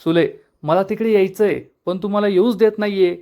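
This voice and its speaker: An angry middle-aged husband yells at his wife over the phone, his voice climbing high and loud. A man reads him out in a soap-recap storytelling voice, fast and urgent. He scolds without pause. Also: steady tone. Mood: furious.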